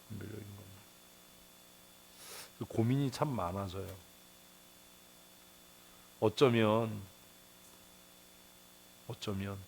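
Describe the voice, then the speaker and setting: Blunt, salty-tongued preacher man. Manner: blunt and colloquial, mutters curses, chuckles; rhetorical questions, sudden rises in pitch. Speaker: pastor. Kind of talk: sermon, Bible devotional. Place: church.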